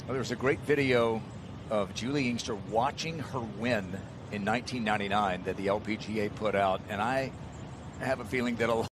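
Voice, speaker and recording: A man's voice: on the low side, brisk. A man giving live golf commentary as the lead announcer on a broadcast. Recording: noisy outdoor broadcast sound.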